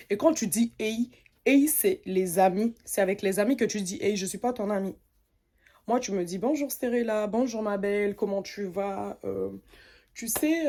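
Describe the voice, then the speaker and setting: A young woman from French Guiana telling an animated, indignant story in a casual rant. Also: medium pitch. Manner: animated, indignant, mimics others' voices. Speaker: content creator.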